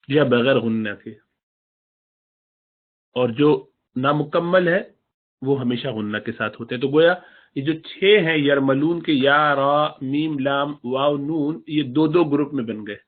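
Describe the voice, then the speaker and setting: A man teaching a Quran recitation lesson, explaining the rules and slowly reciting and stretching out example words. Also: on the high side. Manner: drawn-out demonstrative recitation of examples. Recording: tinny phone-like audio.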